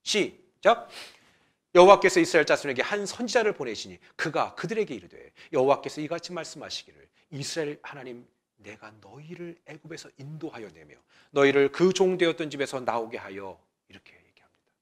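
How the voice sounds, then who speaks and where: Lively high-voiced Korean pastor preaching. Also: male voice, a little fast. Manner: conversational preaching, swings from loud exhortation to near whisper. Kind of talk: sermon.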